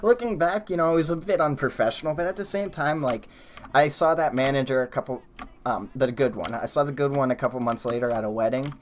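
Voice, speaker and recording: A man on a live stream rambles through a long story in a casual voice with a middling pitch, filling it with likes and false starts. Faint room hiss and keyboard typing sit behind him. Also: fast talker. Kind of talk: casual chat while building a coaster in a game.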